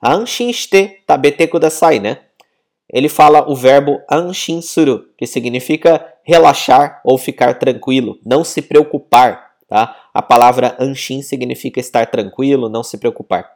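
A man teaching a language lesson, patient and explanatory, repeating example phrases slowly. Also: mid-range voice, darkish tone. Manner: mixes in read-out example phrases.

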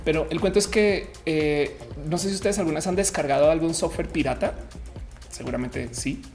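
A woman hosting a casual livestream in a rambling, playful way, her diction slowed as she recovers from having her wisdom teeth out. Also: sits low, a little mellow, soft background music. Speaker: livestream show host. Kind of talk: casual livestream chat to viewers.

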